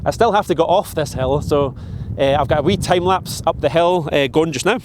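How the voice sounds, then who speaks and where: A man's voice: fairly high pitch, background noise. Reflective Scottish man in his forties. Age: 40s. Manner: halting, reflective, many restarts and fillers. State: shivering in the cold. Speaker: vlogger. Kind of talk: casual talk to camera. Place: outdoors on a mountain.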